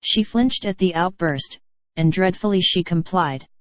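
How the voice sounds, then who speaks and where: A scripted story is read by a fairly low, artificial female text-to-speech voice that moves a little slowly. Its cadence is odd and its phrasing stilted, while the sound is very dry and slightly dull with no room sound.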